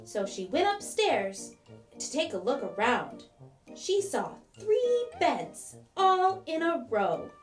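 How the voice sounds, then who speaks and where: A woman narrating a children's fairy tale from a script, with expressive storybook emphasis. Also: high-pitched, slow pace, faint music behind.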